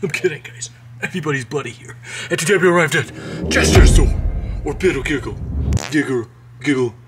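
A man's voice: a little high, a little fast, very noisy, natural voice. Jumbo Josh, a goofy boastful monster voiced by a man. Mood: joking. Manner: joking, teasing, playful. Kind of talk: fan animation voice acting.

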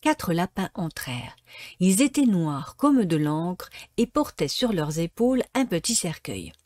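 A woman reading a children's tale aloud in a calm, expressive storytelling manner. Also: fairly low pitch, a little slow, no echo, clean studio sound.

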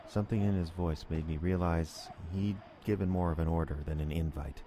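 Playing a nervous working man caught in a snowbound horror story, this actor narrates in the first person for radio, dramatic and brooding with a sense of dread. His voice is deep, mellow and steady, fairly quick and only lightly acted, over noisy storm ambience.

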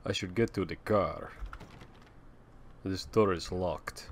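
Young male gaming host, deep voice, profane and wisecracking, casual play-along commentary. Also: slow, a little hiss or hum. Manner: joking, profane, offhand.

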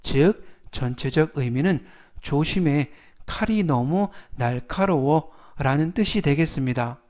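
A man teaching English vocabulary in a formal, polite manner, saying each word slowly and repeating it. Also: fairly high pitch, lively intonation, a little mellow. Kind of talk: slow, scripted vocabulary lesson.

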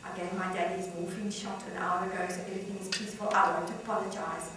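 A woman voicing a gravelly, laid-back man calling in to a late-night radio show, recorded in an echoey room from a distance. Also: fairly low pitch, steady tone, fast, a bit bright, slight background noise, pitched below the performer's own voice, natural voice. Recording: echoey room, far from mic.

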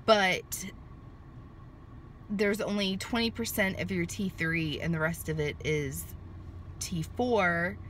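Holding her phone at arm's length in a parked car under the sun, a vlogger in her thirties rambles to the camera, full of fillers and restarts. Her voice sits on the low side and is a bit bright; she goes slowly and pauses often, with a little hiss or hum on the recording.

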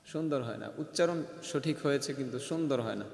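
A male Quran recitation teacher teaching a class. He questions his pupils and then slowly chants each word as a model for them. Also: medium pitch, gravelly, a little mellow. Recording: echoey hall with long reverb.

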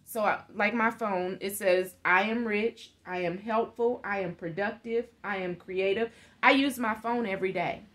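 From her living room, a woman in her thirties gives an earnest motivational talk as a guest on a live video call, her webcam capturing the audio. Her mid-range voice is fairly bright, and she speaks at a normal speed. She laughs often and gestures while she talks.

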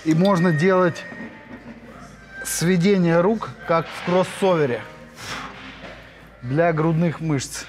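A man's voice: on the high side, slow, long pauses. A man in his thirties giving an enthusiastic, chatty walking tour of a large indoor gym, with frequent hesitant fillers as he shows the equipment. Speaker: fitness vlogger. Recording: music playing under the voice. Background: background music.

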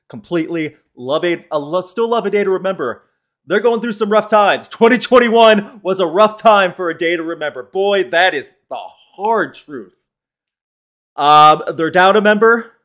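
A man's voice: fairly high pitch, a bit bright. Chatty man hosting a live podcast. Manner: chatty, opinionated, quick asides to chat. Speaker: podcast host. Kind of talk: live-streamed podcast monologue.

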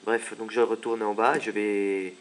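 A man's voice: fairly low pitch, flat delivery, unhurried. A man giving casual gameplay commentary, chatty and joking as he plays. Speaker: let's play commentator.

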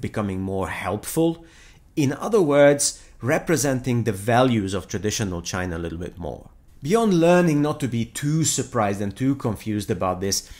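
A man in his fifties from Hungary, giving a measured, explanatory business-culture lecture to camera in a living room. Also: fairly low pitch. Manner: measured, explanatory, gestures with hands. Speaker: intercultural leadership trainer. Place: living room with brick wall.

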